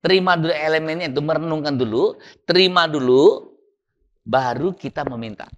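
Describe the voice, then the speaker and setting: A man's voice: on the high side, moderate pace, highs cut off. A man preaching at a mosque study session, quizzing his listeners and spelling words out letter by letter.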